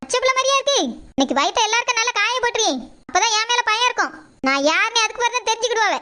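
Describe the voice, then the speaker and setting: Woman as a grumbling, sarcastic daughter-in-law, very high and bright voice, comic skit. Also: expressive, very fast, exaggerated voice. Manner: grumbling, scheming, sarcastic muttering. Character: scheming, grumbling young daughter-in-law and mother.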